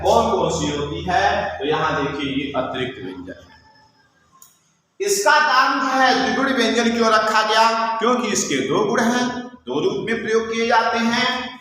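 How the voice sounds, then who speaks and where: A man's voice: sits high, bright, forceful tone, slight background noise. A male teacher giving a step-by-step classroom lecture, asking and answering his own questions and repeating key terms. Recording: echoey room with long reverb.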